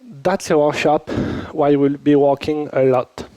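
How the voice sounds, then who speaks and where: A Swiss-based man with a French accent runs a conference workshop, chatting informally and tossing questions to the room while still getting over a cold. His voice sits on the high side, steady and warm, a little slow in pace. The recording is dry, captured on a handheld or lapel mic.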